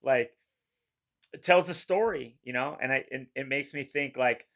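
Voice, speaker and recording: A man's voice: mid-range voice, normal speed, fairly bright tone. A middle-aged man giving casual, rambling reaction commentary in a laid-back, slangy way. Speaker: reaction video host.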